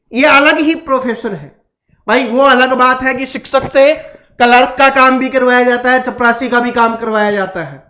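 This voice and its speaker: A man's voice: very high-pitched, sharp tone. A male teacher giving an exam-prep lesson, repeating key points and asking rhetorical questions.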